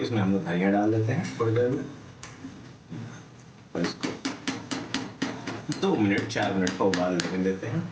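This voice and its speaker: A man's voice: fairly low pitch, echoey room, noisy background. A man casually chatting as he cooks, mixing in English phrases and humming or singing bits of song. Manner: chatty, mixes Hindi with English phrases, sings snatches while cooking. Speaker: vlogger cooking at home. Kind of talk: casual cooking vlog chat. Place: home kitchen.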